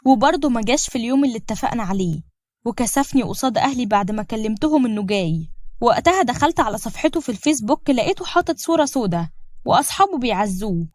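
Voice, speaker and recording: Quick high-voiced Egyptian woman storyteller. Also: darkish tone, no echo, studio quality. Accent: Egyptian Arabic. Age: young adult. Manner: dramatic first-person storytelling. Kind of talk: scripted storybook narration.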